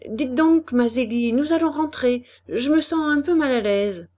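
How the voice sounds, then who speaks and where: A woman's voice: high voice, measured pace, darkish tone. A woman reading an imperious jealous duchess.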